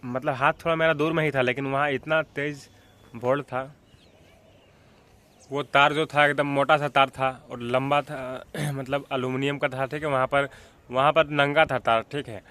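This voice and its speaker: A young man from Jharkhand, India, vlogging a casual childhood story in a rambling way, often checking in with the listener and clearing his throat. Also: mid-range voice, little pitch movement, normal speed, sharp tone. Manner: rambling, with frequent filler checks like "theek hai" and "hai na".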